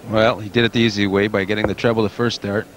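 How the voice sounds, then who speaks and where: A man's voice: fairly low pitch, level tone, fast talker, background noise. A man giving explanatory, analytical live darts commentary as the expert co-commentator.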